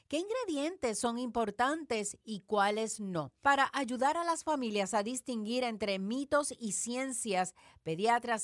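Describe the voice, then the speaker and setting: A woman's voice: a little high, fairly bright tone, no echo, studio quality. A woman hosting a radio show, reading a formal introduction and interviewing a guest.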